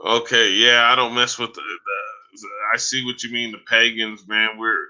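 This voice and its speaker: His pitch mid-range with little movement, a live stream host talks at a moderate pace to viewers he calls by name, heard on a low-quality recording. Loose rambling, many fillers and a habitual "man" at the ends of lines mark his talk, and his very bright, tense voice is going hoarse after a long session.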